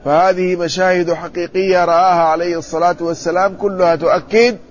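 A man, an Islamic scholar, giving a measured classroom commentary on hadith and checking the text with his students. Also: high-pitched, level tone, slight background noise. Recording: muffled lo-fi recording with faint ambience.

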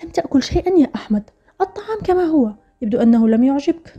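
A woman's voice: high-pitched, lively intonation, rapid-fire, mellow. A woman voicing a frank, reproachful sister. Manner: reproachful, sarcastic, insistent. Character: frank young woman scolding her brother. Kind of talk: storybook narration. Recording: dull lo-fi audio with faint music.

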